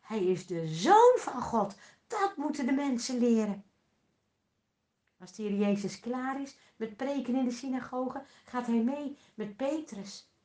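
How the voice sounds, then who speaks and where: Slow, dramatic woman telling a Bible story. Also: fairly high pitch, expressive. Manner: dramatic, swings from hushed to loud, speaks to children. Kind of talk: children's Bible story narration.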